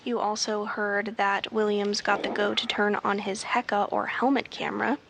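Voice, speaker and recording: A woman's voice: mid-range voice, flat delivery, moderate pace, creaky. A woman commentator explaining events step by step on a live broadcast. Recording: faint background noise.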